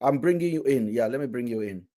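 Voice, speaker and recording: A man's voice: medium pitch, expressive, quick pace, mellow. A man hosting a casual live stream, talking animatedly and often restarting his words.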